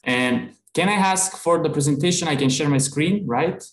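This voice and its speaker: A man's voice: a little high, normal speed, reverberant, rough recording. A man speaking on an online panel, presenting in a friendly, self-deprecating way. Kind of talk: casual presentation. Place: video call.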